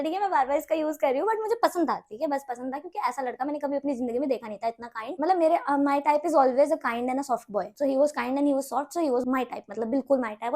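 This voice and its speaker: Young female vlogger, high-pitched and lively, chatty storytime delivery. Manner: animated, laughing, acts out quotes. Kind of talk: casual storytime.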